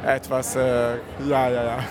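A man's voice: medium pitch, completely flat delivery, measured pace. A young man from Italy with an Italian accent, an art student who answers questions thoughtfully, searching for his words. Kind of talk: casual interview. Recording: outdoors with crowd noise.

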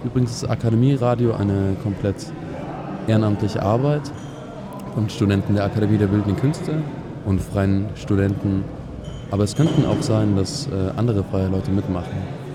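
A man's voice: fairly low pitch, steady tone, moderate pace. A man hosting a student radio broadcast live, announcing in a dry, wry way with improvised asides. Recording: loud crowd noise behind. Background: crowd chatter.

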